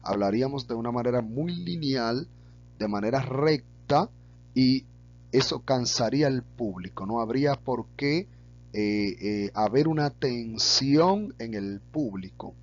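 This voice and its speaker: Slow, deliberate male speaking teacher. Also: mid-range voice, lively intonation, muffled recording. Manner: slow and deliberate, stretches out sample words. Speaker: public speaking instructor. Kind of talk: slow deliberate lesson on vocal technique.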